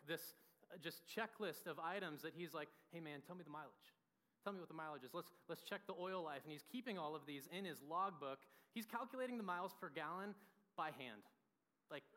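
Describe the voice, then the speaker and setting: Man in his twenties, preacher, chatty and animated, slightly high voice, echoey large hall. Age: 20s. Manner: animated and talkative, full of fillers. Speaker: pastor and church founder. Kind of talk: sermon with storytelling.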